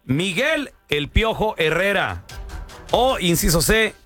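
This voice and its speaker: A man with a high, animated voice hosts a radio quiz, reading the questions and options with upbeat energy. Faint music runs underneath. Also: slow pace. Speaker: radio host.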